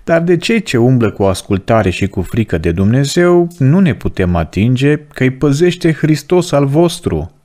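A man's voice: mid-range voice, sing-song, hardly any pauses, warm tone, lightly acted. A man voicing a proud male demon prince who commands a host of devils, read in a plain storytelling voice. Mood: boastful.

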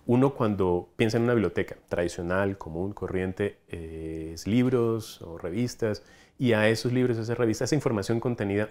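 Animated man from coastal Ecuador, lowish voice. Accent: Ecuadorian coastal Spanish. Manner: animated, enthusiastic storytelling with hand gestures. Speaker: entomologist, collections coordinator. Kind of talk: documentary interview. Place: large collection room lined with specimen cabinets, indoors. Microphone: lapel mic.

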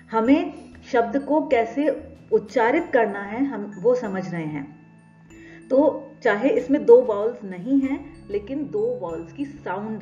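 A woman with an Indian accent teaching English phonetics, patiently explaining and repeating example words. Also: a little high. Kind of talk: explanatory lesson, mixing Hindi and English. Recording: slightly dull lo-fi recording with soft background music.

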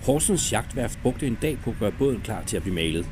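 A man's voice: mid-range voice, very animated, over music. A man narrating a report in a scripted voice-over style. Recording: loud noise behind.

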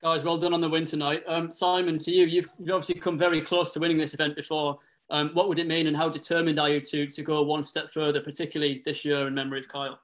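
A man's voice: a little high, flat delivery, quick pace, a bit bright. A man asking press interview questions as a sports reporter.

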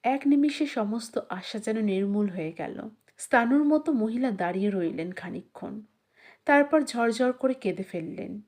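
A woman with a fairly high voice narrates a literary short story from a script. She reads in a measured, expressive storytelling manner.

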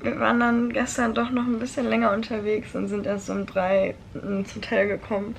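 A woman's voice: on the high side, little pitch movement, moderate pace, vocal fry. Chatty young woman vlogging on the go. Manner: chatty, laughs often, mixes in English phrases. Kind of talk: casual vlog chat. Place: car, hotel room and outdoors. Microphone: handheld camera. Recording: noisy handheld vlog audio.

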